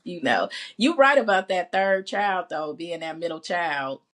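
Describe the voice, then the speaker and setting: A woman's voice: fairly low pitch, expressive, a little slow. Chatty woman host interviewing a guest. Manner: warm banter, teasing, laughs along. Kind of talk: casual interview chat.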